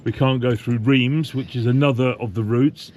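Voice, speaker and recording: A man's voice: medium pitch, fairly even intonation, moderate pace, a little mellow, slight background noise. A man chatting casually in a travel vlog from his motorhome, rambling with plenty of fillers and restarts. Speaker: vlogger. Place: motorhome on the road.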